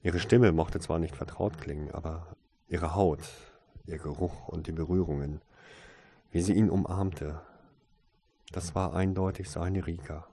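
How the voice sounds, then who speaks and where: A man narrates a story aloud with a deep, low voice. His tone is dark and mellow with a husky, slightly breathy grain. The reading is calm and steady throughout. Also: measured pace. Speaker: audiobook narrator. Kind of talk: scripted narration.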